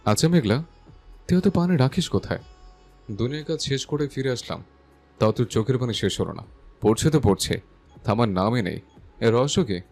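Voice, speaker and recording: A man's voice: mid-range voice, lively intonation, fairly quick, vocal fry, long pauses, a little mellow, faint music behind. A man playing a domineering young man who teases and bosses around the woman he loves, yet sounds affectionate, in an audio love story. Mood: teasing. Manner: teasing, bossy, affectionate.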